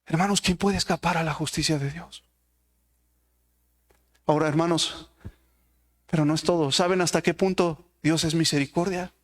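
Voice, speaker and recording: High-voiced man preaching a sermon. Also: fairly even intonation, normal speed, pauses often. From Mexico. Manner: preaching with rhetorical questions to the congregation.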